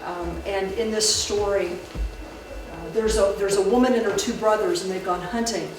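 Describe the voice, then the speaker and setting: A woman's voice: medium pitch, fairly even intonation, a little slow. A woman giving a public talk on folklore in a library room, speaking conversationally with many restarts. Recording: echoey room, distant mic, background noise.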